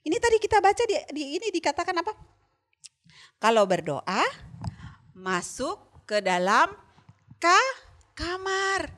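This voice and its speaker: A woman with a high, clear, bright voice leads a children's Bible lesson. She tells stories with lively energy and keeps turning to her young listeners with questions. Her delivery is animated and friendly. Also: unhurried, long pauses. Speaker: Sunday school teacher.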